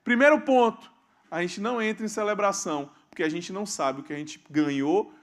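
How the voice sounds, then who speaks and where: A man preaching a sermon as pastor, asking questions of the congregation and swinging between loud emphasis and quiet asides. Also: high-pitched, brisk. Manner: calls out questions to the congregation and waits for amens. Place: church hall.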